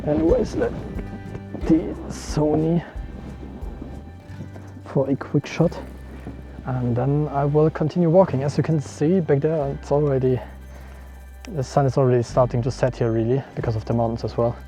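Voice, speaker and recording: A photography vlogger, a man, chats casually while hiking a mountain trail, filming himself on a small action camera, thinking aloud with little laughs. He's out of breath, and his mid-range, warm voice keeps a fairly even intonation at normal speed with long pauses, while faint music plays behind.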